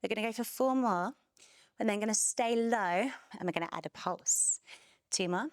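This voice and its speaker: A woman's voice: medium pitch, normal speed, no echo, clean studio sound. A young adult woman leading a barre workout class, energetically counting reps and cueing moves while a little out of breath. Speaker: fitness instructor.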